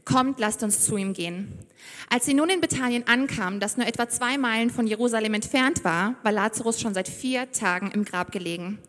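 Speaking a little fast and barely pausing, a young woman from Siberia delivers an enthusiastic, heartfelt sermon before a congregation, including readings from the Bible. Her voice is a touch high and fairly bright, echoing through a reverberant church hall.

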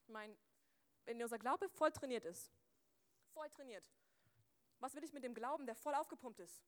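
A woman preaches a sermon with a fairly high voice, talking close into a microphone. She is lively and chatty, acting out small scenes and throwing quick asides to her listeners.

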